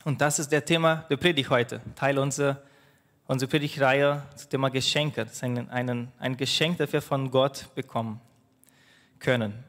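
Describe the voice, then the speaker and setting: A pastor whose native language is Portuguese preaches a sermon in a steady, mid-range voice that is a bit bright. He speaks haltingly, often restarting phrases with fillers, and the sound carries the feel of a big room.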